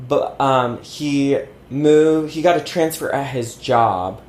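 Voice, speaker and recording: A man's voice: mid-range voice, slow, a little mellow. A man in his thirties, interview guest, chatting casually and rambling with lots of fillers and easy laughter. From born in Connecticut, raised in Georgia. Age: 30s. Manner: rambling, self-deprecating, laughs easily, many fillers. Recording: roomy sound with faint ambience.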